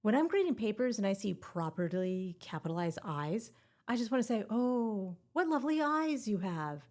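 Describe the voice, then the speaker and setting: A woman's voice: mid-range voice, sing-song, normal speed, darkish tone. A woman hosting a scripted exam-prep podcast and teaching grammar in a playful, upbeat way with puns.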